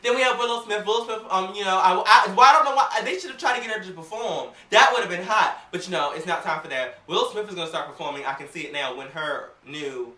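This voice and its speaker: A woman casually reviewing an awards show in a sassy, animated, gossipy way, acting out quotes as she talks. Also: mid-range voice, fast talker, hardly any pauses, far from the mic. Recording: roomy, off-mic home recording.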